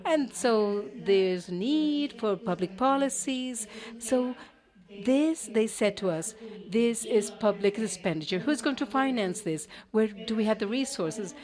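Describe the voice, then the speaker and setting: A woman interpreting a conference panel live, halting, with cut-off words and restarts. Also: on the high side, animated, darkish tone. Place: conference auditorium.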